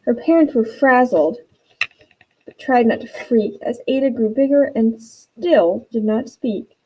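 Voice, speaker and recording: A woman's voice: fairly high pitch, lively intonation, measured pace, a little mellow, slight background noise, poor audio. A woman teacher giving an instructional read-aloud for students, encouraging them with guiding questions.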